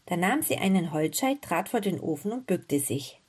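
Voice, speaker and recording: A woman reading a fairy tale aloud as storyteller, in a gentle, measured way. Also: fairly low pitch, lively intonation, slightly rough.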